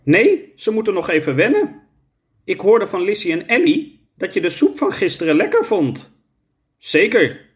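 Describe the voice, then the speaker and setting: A man's voice: sits high, wildly swooping pitch, normal speed, voice pushed up. A man voicing a friendly, naive, hospitable character in a children's story. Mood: kindly.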